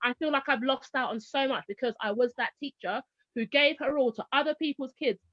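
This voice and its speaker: A high-pitched woman from Barbados, a teacher turned homeschooling parent, tells lively stories in a casual interview. She acts out the people she quotes. The sound is dry and a little dull, like a lo-fi recording. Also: fairly quick, no room sound. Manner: animated storyteller, acts out quoted voices. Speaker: guest, former teacher now homeschooling parent.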